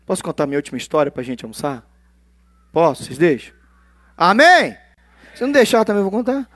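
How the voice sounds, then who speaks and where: Male preacher, high-pitched and dry, animated delivery that swings between loud and hushed. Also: brisk, no room sound. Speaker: pastor. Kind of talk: sermon.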